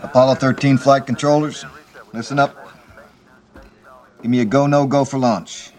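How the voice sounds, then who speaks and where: An actor playing a clipped, authoritative American mission control flight director in film dialogue. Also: male voice, mid-range voice, steady tone, normal speed, darkish tone, faint music behind, natural voice. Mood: firm, focused. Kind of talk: film dialogue, brisk roll call.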